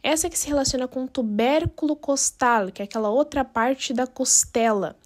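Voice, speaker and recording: A woman's voice: high-pitched, moderate pace. A woman with a Brazilian Portuguese accent giving an informal step-by-step lesson, repeating points and mixing Spanish terms into her Portuguese. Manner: didactic, repeats and recaps step by step. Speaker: anatomy teacher. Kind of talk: informal narrated anatomy lesson.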